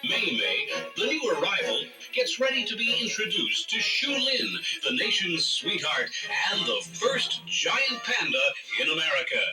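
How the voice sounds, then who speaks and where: A male announcer giving old newsreel narration in a brisk, showy announcer delivery. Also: high-pitched, sing-song. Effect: old newsreel archive sound. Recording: distant voice over loud music.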